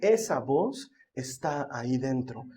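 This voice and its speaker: A man's voice: mid-range voice, big pitch swings, takes it slowly, warm tone. A man preaching a sermon. He tells stories and builds to emphatic, repeated declarations.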